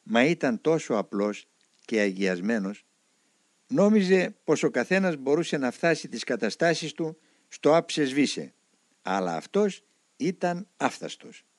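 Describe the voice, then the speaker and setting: Expressive male storyteller. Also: medium pitch, no echo, studio quality. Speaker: narrator. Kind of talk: reading a spiritual memoir aloud.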